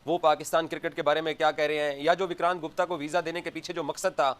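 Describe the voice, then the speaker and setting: Fast, indignant cricket commentator. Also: male voice, on the high side, level tone, a bit bright. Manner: indignant, rapid-fire questions. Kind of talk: opinion video monologue.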